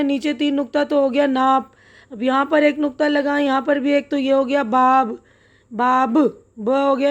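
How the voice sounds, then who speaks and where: A woman teaching a lesson, spelling words out letter by letter and pausing often to check that her listeners follow. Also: sits high. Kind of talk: step-by-step classroom lesson.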